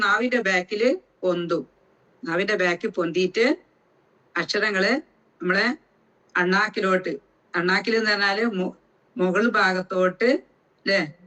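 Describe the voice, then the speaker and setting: A woman teaches recitation in a slow, unhurried way with a bright, forward voice. She lingers on each letter sound so the listener can copy it, and explains the rules patiently and deliberately. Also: medium pitch, low-quality recording.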